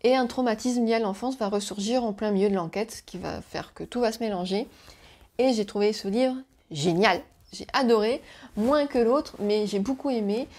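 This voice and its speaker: Chatty French book vlogger, mellow voice. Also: female voice, fairly high pitch, moderate pace. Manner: chatty, hesitant with frequent fillers. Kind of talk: casual monthly reading review.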